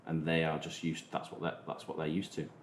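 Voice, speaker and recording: Male podcast host, Manchester accent, very deep register, rephrases as he goes, faint background noise. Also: monotone, quick pace. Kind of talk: casual discussion of digital marketing. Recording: roomy echo, faint noise.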